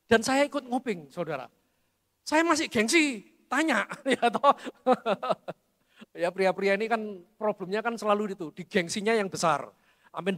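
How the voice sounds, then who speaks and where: Bright-voiced pastor preaching in a hall. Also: male voice, sits high. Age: middle-aged. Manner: addresses the congregation as "saudara", storytelling with humor. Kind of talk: sermon. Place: large church hall. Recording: long church hall reverb.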